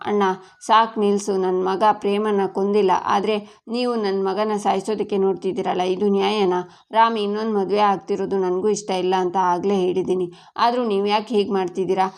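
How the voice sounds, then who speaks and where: A woman voicing a middle-aged aunt urging everyone to stay calm. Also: medium pitch, a little fast, lightly acted. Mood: earnest. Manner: earnest, calming appeals.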